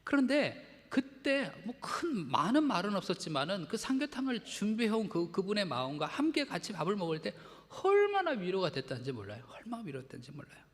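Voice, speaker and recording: A man's voice: high-pitched, huge pitch swings, fairly quick, hardly any pauses, in a large hall. A man preaching a Sunday sermon, conversational, acting out little quotes and asking the congregation questions. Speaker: pastor. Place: church sanctuary.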